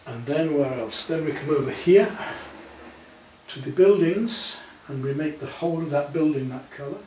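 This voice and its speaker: Here a man in his 60s, voice fairly high but dark, speaks at a normal pace with lively animation, patiently coaching a student through painting with comforting step-by-step directions. The demonstration happens in a living room at home. Captured by a camera a few feet away, the recording sounds roomy and distant, with background noise.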